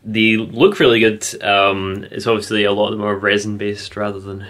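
Male co-host, low and bright, relaxed hedging chat. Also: normal speed. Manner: hedging, many ums. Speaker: podcast co-host. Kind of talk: casual chat.

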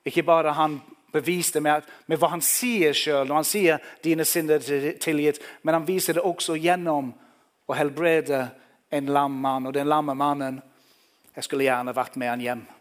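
A man's voice: a little high, fairly even intonation. A man preaching a sermon, telling the story vividly and speaking directly to the listeners.

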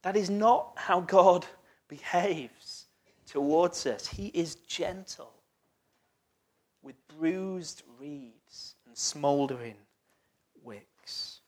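Preacher, sermon, slow delivery, chatty questions to the congregation, voice trailing off quietly. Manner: voice often drops low, almost to a whisper.

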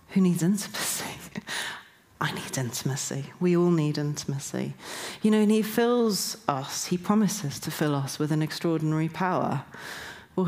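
Low-voiced British woman preaching. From Newcastle, England. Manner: earnest, self-deprecating, with frequent ums and soft laughs. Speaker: church speaker. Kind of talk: sermon.

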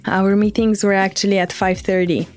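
A woman's voice: medium pitch, little pitch movement, moderate pace, darkish tone, faint music behind. A young woman, earnestly telling her own story on a podcast, often restarting her phrases. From Lebanon. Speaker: student guest. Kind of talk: reflective personal podcast storytelling.

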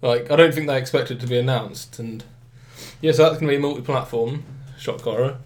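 Brisk and darkish in tone, this medium-pitched young British man chats casually about games as a podcast host. A cold has left his voice slightly nasal and blocked. He rambles, restarts, and acts out quotes along the way.

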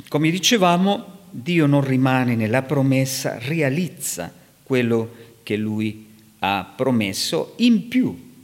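A man preaching and teaching from scripture, animated and rising sharply in pitch for emphasis. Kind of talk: sermon. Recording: long hall reverb.

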